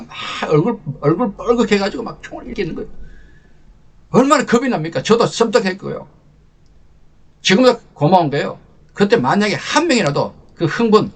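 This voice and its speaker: An older man with a husky, slightly higher voice tells a personal war story to teach leadership. His delivery is lively and emotional, rising with feeling and then dropping to a near hush. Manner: emotional storyteller, animated swings from loud to hushed. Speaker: lecturer and channel host.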